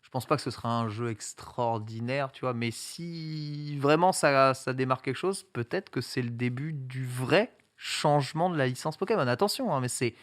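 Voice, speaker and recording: A man's voice: medium pitch, moderate pace, hardly any pauses. A man co-hosting a casual video game talk stream, thinking aloud and loosely explaining. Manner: relaxed, thinking aloud with fillers. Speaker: co-host. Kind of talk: casual chat.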